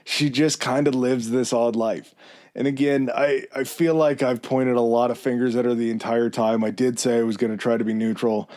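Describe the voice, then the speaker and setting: A man hosting a podcast, telling a story in a relaxed, chatty way with fillers and asides. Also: medium pitch, moderate pace. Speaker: podcast host. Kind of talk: casual chat.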